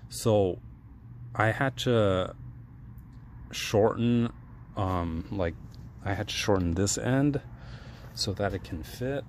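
Steady background noise fills this first-person phone-camera clip of a DIY vlogger working under a cramped indoor sink. His voice is low, and he explains the repair hands-on at an easy, unhurried pace, often pausing with ums and uhs in a casual walkthrough style.

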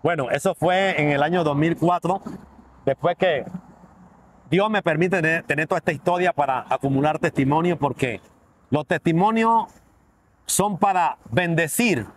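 Man, high-pitched, animated testimony, acts out quotes. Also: normal speed, slight background noise. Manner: animated storytelling, acting out quoted speech. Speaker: interviewee giving a testimony. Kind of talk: dramatic personal testimony.

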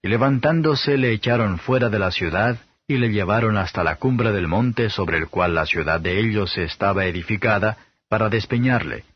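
A man giving a steady, measured Bible reading as an audiobook narrator, on a dull, slightly lo-fi recording. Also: fairly low pitch, slightly rough.

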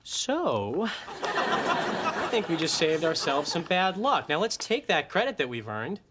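An actor playing a sarcastic, awkward teenage son with deadpan, wisecracking delivery. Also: male voice, on the high side, slow pace, full character voice. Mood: wry. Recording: noisy sitcom TV audio.

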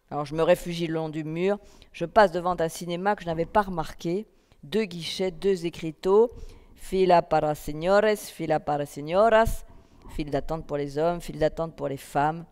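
A woman reading a literary text aloud at a festival, in a calm, measured first-person narration. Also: sits low, clean tone. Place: festival stage in a hall. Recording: long reverb of a hall.

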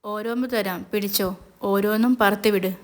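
A woman's voice: medium pitch, steady tone, normal speed, close to an everyday voice. A woman voicing a smug, taunting man in a spoken serial recap.

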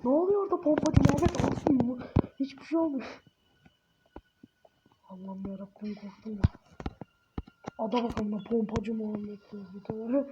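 A woman with a high-set voice talks through a game in joking, jumpy let's-play style. She swears freely and sometimes drops to a whisper. The sound is dull and muffled, with clear background hiss. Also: normal speed, long pauses. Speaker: gamer. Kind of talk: casual let's-play commentary. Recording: dull, noisy home mic.

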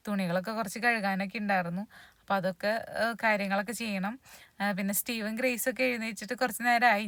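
A woman, chatting casually through a home vlog with drawn-out fillers. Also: mid-range voice, a bit bright, no echo. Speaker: vlogger. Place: home, kitchen and yard.

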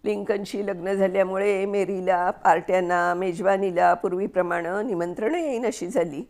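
Woman reading a story aloud. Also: medium pitch. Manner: measured, expressive reading.

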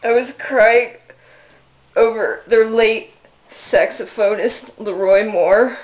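A woman's voice: a little high, slow pace, low-quality recording. A woman in a comedy mockumentary, talking earnestly and defensively to the camera, then chatting on the phone.

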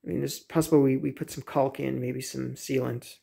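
Gravelly, husky man touring his kitchen. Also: mid-range voice, flat delivery, a little fast, mellow. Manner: rambling, hesitant, many fillers and restarts. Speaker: homeowner vlogger. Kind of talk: casual home tour vlog. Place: home kitchen, indoors. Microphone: phone camera, handheld selfie then walking.

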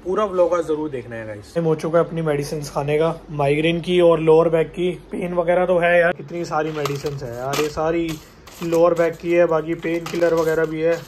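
A man's voice: on the high side, steady tone, brisk, a little mellow, slight background noise. A young man talking casually to viewers in a daily vlog, filming himself on a phone at arm's length while out in the city. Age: young adult. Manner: chatty, addresses viewers as bhai. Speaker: vlogger. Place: outdoors on city streets and in a metro station. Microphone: phone held at arm's length.

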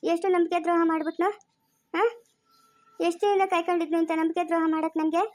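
A woman's voice: very high voice, level tone, fast. A woman voicing a betrayed middle-aged wife and mother who speaks in a curt, bitter, scolding way. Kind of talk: amateur family drama acting.

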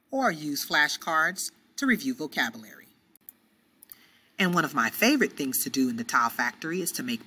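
This is a woman teacher's voiceover for a software tutorial captured on screen, laying out each step clearly. Her voice sits low.

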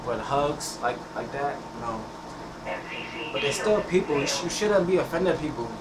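At a normal speed, a teenage boy who hosts a gameplay channel rambles casually over the game in a fairly high, expressive voice, often restarting what he says. His headset mic sounds echoey, distant and noisy.

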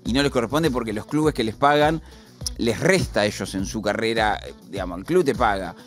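A man's voice: on the low side, a little fast, faint music behind. Argentine man explaining sport patiently. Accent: Argentine Spanish. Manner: explains patiently, with an informal aside at the end. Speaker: sports commentator on a streaming talk show. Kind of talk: casual explanatory chat.

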